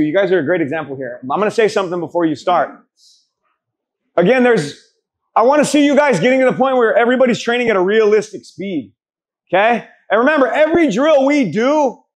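In a boxing gym during a group class, a male coach teaches drills hands-on, blunt, profane and motivational as he urges trainees on. He quizzes the group by asking questions and answering them himself, his voice high-pitched, expressive and brisk.

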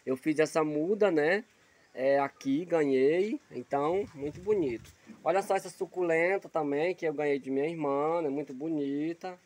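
A man hosting a casual plant tour vlog outdoors, filming on a phone and tagging nearly every phrase with a quick question. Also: fairly high pitch, rough recording. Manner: chatty, repeats "né?" after almost every phrase. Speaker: channel host showing his plants. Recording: loud outdoor noise behind.

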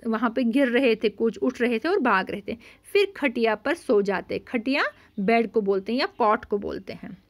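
A woman teaching a vocabulary lesson, patiently repeating words and explaining each one with English glosses. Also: a little high.

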